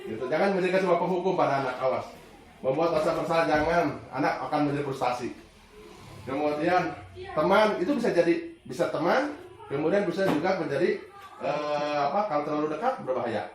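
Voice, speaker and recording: A man's voice: on the high side, animated, fairly quick. A male teacher, explaining a training module and now and then acting out teacher and pupil lines. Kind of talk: classroom presentation. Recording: very echoey room, mic far off.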